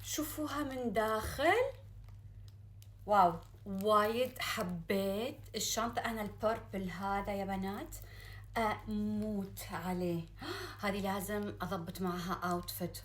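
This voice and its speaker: A woman with a Gulf Arabic accent chatting casually to viewers as a beauty vlogger, gushing and excitable, mixing in English words. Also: medium pitch. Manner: excitable, gushing, drawn-out exclamations; sprinkles in English words and phrases. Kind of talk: casual unboxing chat to viewers.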